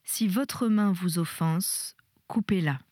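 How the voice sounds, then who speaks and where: A woman reading the part of a weary middle-aged husband who lectures his wife in a measured, insistent way. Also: sits high, a little mellow, dry recording, clean studio sound. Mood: lecturing.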